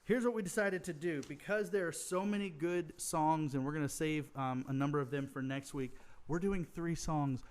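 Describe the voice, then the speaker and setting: A man's voice: fairly high pitch, moderate pace, few pauses, clean tone. A man co-hosting an online church trivia show in a loose, joking chat, laughing often.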